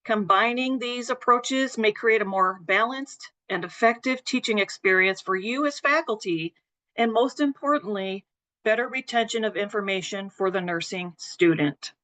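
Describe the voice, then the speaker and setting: A woman nursing educator presenting a webinar lecture in a steady, explanatory way, her voice a bit worn and throat-clearing. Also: medium pitch, moderate pace. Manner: explanatory, steady, apologetic over glitches.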